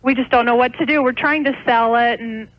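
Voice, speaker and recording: A small restaurant owner from America rings in to a radio show, talking a little fast with a fairly high, fairly even voice. Her explanations wander and hesitate in this unscripted call, captured dry through a telephone with dull, lo-fi quality.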